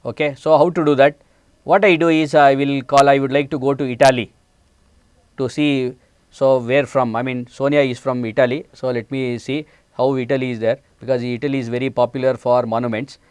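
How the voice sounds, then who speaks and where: A man's voice: mid-range voice, little pitch movement, fairly quick, darkish tone, clean tone, no echo. Indian man lecturing with many fillers. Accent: Indian English. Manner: many hesitant "uh" fillers, explains step by step. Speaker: programming lecturer. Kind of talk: classroom lecture. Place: studio set, indoors.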